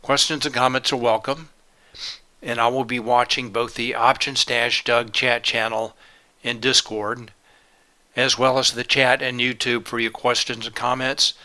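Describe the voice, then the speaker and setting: Here a man at medium pitch keeps his pitch fairly level and his pace measured, his tone pushed, bright and clean. He presents a live trading webinar methodically, laying out steps and items one by one. He's a bit congested from a cold and has a sore throat.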